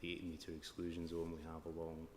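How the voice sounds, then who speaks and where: In an echoey hall with plainly audible background noise, a man with a broad Scottish accent testifies formally at a planning inquiry as a flood risk and drainage consultant. He speaks a little fast in a deep, monotone voice with a darkish tone.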